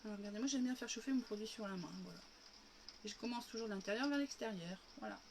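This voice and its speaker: A woman's voice: on the high side, fast talker, a little mellow, a little hiss or hum. A woman with a lingering cough, chatting casually through a makeup tutorial livestream at home and walking viewers through each step. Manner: chatty, demonstrating step by step, addressing viewers as girls. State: coughing, recovering from illness. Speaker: makeup live streamer.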